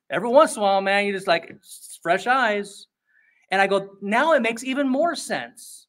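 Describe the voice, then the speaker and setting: A male pastor preaching an expository sermon in a conversational, emphatic way, often slipping into quick acted-out voices. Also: high-pitched, lively intonation, a bit bright.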